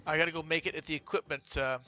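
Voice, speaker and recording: A man's voice: a little high, steady tone, fast talker, sharp tone, faint music behind. A man streaming a factory-building game, thinking aloud in casual commentary with fillers and restarts.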